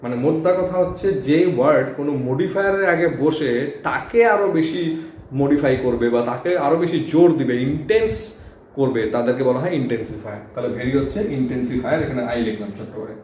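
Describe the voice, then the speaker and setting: This is a grammar lesson at the board: a man explains English grammar in Bengali, step by step, regularly asking students "okay?". He talks fast in a medium pitch with a darkish tone, and the recording carries strong echo and a faint hum.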